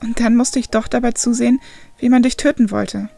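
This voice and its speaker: A woman voicing a protective young man confessing quietly and heavily to his sister. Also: on the high side, steady tone, a little fast, vocal fry, faint music behind. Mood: guilty confession. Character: guilt-ridden protective older brother, young man.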